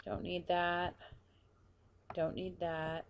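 A woman with a lowish voice walks through a computer task step by step, narrating each click in a hushed, close tone that sometimes drops nearly to a whisper. Light typing and clicking sound faintly in the background. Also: level tone, drawn-out words, gravelly, highs cut off, slight background noise. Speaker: tutorial presenter. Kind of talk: screen-recorded software tutorial.

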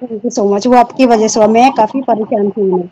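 A woman's voice: on the high side, steady tone, moderate pace, mellow, slight background noise. A young woman on a video call, earnestly and politely sharing her experience with the host. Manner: earnest, polite, says ma'am. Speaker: caller sharing her results. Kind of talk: casual video call chat. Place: small room indoors. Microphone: video call on phone. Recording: dull lo-fi video call audio.

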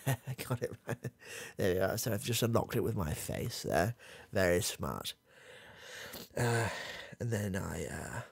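For a comedy ASMR roleplay, a young man plays a confused, creepy, doddering old granddad in a low, gravelly, exaggerated voice, rambling, halting, trailing off, and chuckling. He's in a small dark room indoors, close to a studio mic with the camera near his face, and there's no room sound.

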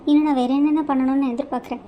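A woman voicing a hurt young wife in an animated cartoon, tearful, reproachful and pleading with her husband. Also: high-pitched, very fast, highs cut off, a little hiss or hum, lightly acted.

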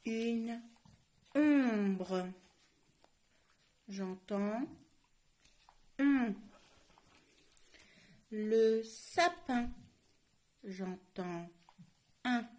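A woman teaching a phonics lesson to young children, saying each word slowly and stressing every syllable. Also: fairly high pitch, a little mellow. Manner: slow, clearly articulated, stressing each syllable. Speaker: primary school teacher.

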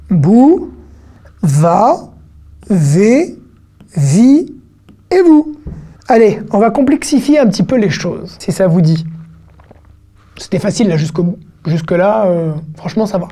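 A woman giving an online Hebrew reading lesson, patient and encouraging, spelling out syllables slowly for beginners. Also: medium pitch, dark tone. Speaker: Hebrew teacher.

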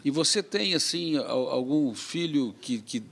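A man's voice: fairly high pitch, expressive, unhurried, vocal fry, fairly bright tone. A middle-aged man, hosting a conversational interview and often rephrasing his questions. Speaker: podcast host, interviewer. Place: small podcast studio, indoors. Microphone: tabletop microphone on stand.

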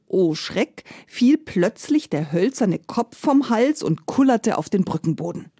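A woman storyteller narrating a folk tale. Her voice moves lively through its range at a middle pitch. The sound is dry and close to the mic. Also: breathy edge, dry recording. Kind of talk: scripted fairy-tale narration.

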